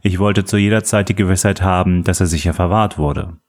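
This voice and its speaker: A man voicing an earnest male professor who explains his suspicions in a measured way. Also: sits low, darkish tone, lightly acted. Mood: probing. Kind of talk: audiobook reading.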